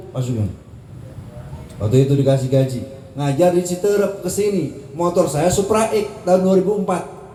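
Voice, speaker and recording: A man in his thirties preaches to a gathering, his voice fairly high and mellow. He tells his story with feeling and keeps turning to address the listeners. The room is echoey, with faint ambience behind him. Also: a little hiss or hum. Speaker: preacher at a hajj send-off gathering.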